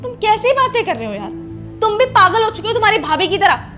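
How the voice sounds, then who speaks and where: Woman acting as a young wife, very high bright voice, confrontational, scolding, soft music behind. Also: big pitch swings, fast talker, heavily acted. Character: young wife defending her husband, indignant. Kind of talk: scripted family drama acting.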